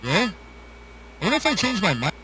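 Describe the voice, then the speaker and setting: A man's voice: high-pitched, huge pitch swings, moderate pace, pushed and bright, slight background noise. A man calling in as a guest, his voice hollow as if talking through a tube, casual and questioning. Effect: hollow, sounds like talking through a tube. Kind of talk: casual chat.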